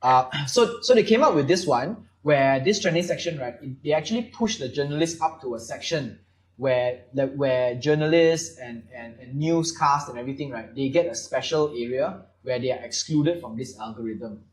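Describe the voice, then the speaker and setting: A man's voice: mid-range voice, normal speed. A man from Malaysia hosting a casual panel chat, explaining at length with many fillers. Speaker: podcast host.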